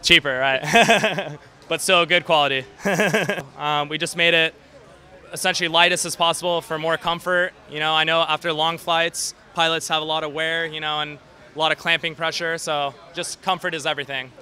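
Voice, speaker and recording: A man giving an informal product pitch in an interview as a company representative, outdoors. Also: fairly even intonation, normal speed, sharp tone.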